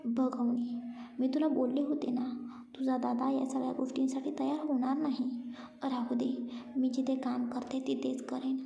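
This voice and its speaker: Storybook reading: woman doing a quarrelsome young woman, dark, raspy and indignant. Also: sits high, flat delivery, moderate pace. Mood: sulky. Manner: snappy, indignant. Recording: roomy, muffled lo-fi recording.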